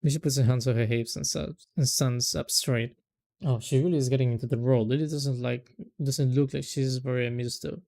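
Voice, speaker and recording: A man's voice: mid-range voice, steady tone, a little fast, creaky, warm tone. A man casually playing and reading a visual novel aloud, chatty, with amused asides and frequent self-corrections. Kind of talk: casual let's-play commentary and reading.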